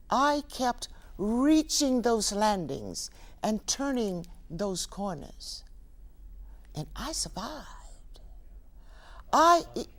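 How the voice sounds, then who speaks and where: An older woman delivers a dramatic stage monologue at an unhurried pace, letting long pauses hang between phrases. Her voice sits a little high and moves widely in pitch. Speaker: actor.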